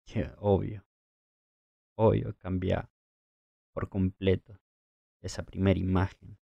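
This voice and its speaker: A man's voice: low-pitched, flat delivery, takes it slowly, vocal fry, no echo, lo-fi sound. A man co-hosting a podcast, telling Bible stories in reflective religious talk with a thoughtful storytelling manner. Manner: thoughtful storytelling with occasional chuckles. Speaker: podcast co-host.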